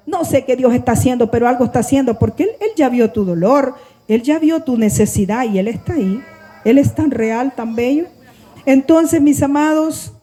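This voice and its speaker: A woman's voice: high voice, mellow, poor audio. A middle-aged woman preaching a sermon and leading prayer, fervent and speaking straight to her congregation. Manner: fervent, addresses congregation directly, mimics people mid-story.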